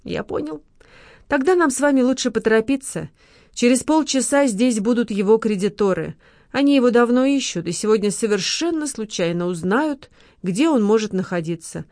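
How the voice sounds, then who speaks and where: A man's voice: very high voice, animated, darkish tone, no room sound, clean studio sound. Woman reading as a cool, courteous marquis. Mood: calm, courteous. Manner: measured, courteous, coolly matter-of-fact. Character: calm, polite, scheming male marquis.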